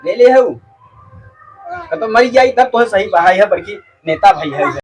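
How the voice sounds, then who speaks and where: A man's voice: high voice, lively intonation, a little slow, faint music behind. A man playing a jobless, defensive village husband in a family skit, arguing and grumbling in rustic speech with an eastern Hindi belt, Bhojpuri-Awadhi accent. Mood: irritated. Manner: argumentative, muttering repetitions, rustic speech. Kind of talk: amateur family skit dialogue.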